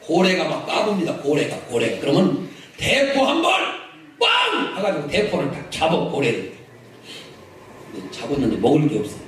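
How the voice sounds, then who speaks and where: A man preaching a lively sermon, leading the congregation in call-and-response and shouting for emphasis. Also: on the high side, a little fast. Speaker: pastor. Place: large church hall. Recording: echoey hall, mic from a distance, noisy.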